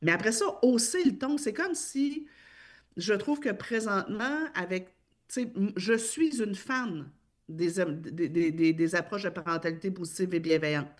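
A woman's voice: medium pitch, expressive, normal speed. A woman with a Québécois accent explaining her views on parenting in a casual discussion, emphatic, with many fillers and restarts. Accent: Québécois French. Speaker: parenting speaker.

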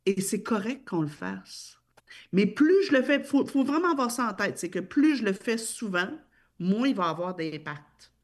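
This woman's mid-range voice has a sing-song lilt and a moderate pace. With a Québécois French accent, she explains her parenting views in a casual discussion, emphatic and full of fillers and restarts.

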